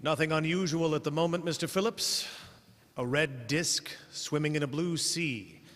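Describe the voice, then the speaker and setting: Actor as higher-voiced skeptical professor, echoing hall. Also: male voice, a bit bright, lightly acted. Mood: calm, skeptical. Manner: deliberate, precise, academic, dismissive. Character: calm, skeptical male scientist, astronomy professor on radio. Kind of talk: old-time radio drama acting. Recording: hall reverb.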